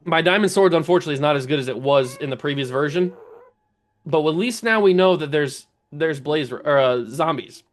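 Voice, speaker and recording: A man giving casual commentary while playing a game, thinking aloud, talking to enemies, his voice a little rough and strained. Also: a little high, fairly quick. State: voice going, clearing throat. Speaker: let's play gamer.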